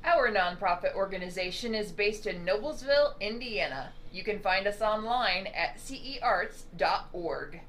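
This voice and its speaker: A woman hosting a podcast interview, encouraging her guest with brief, warm replies. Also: mid-range voice, lively intonation, moderate pace, hardly any pauses. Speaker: podcast host. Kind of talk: casual interview. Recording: faint background noise.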